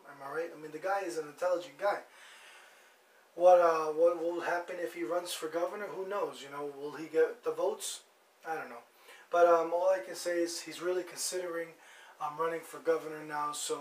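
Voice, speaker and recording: A man hosting a blunt, rambling news monologue, mocking as he goes. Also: on the high side. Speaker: host. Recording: echoey room, distant mic, faint noise.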